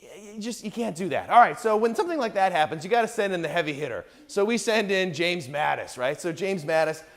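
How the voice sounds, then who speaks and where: A man's voice: high voice, animated, fast. A male political science lecturer giving a public talk in a conversational, sarcastic way, often checking in with the audience. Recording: echoey hall with long reverb.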